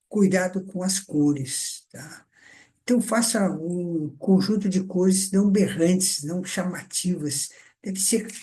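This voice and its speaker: Slow, mellow older male lecturer. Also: high-pitched. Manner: slow, deliberate, conversational teaching with many "então" and "né". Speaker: communication lecturer. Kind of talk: lecture on speaking and presentation.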